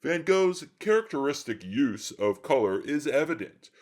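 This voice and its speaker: A man's voice: mid-range voice, big pitch swings, moderate pace, darkish tone. A man giving a comedic art lecture in an earnest, slightly fussy lecturing manner.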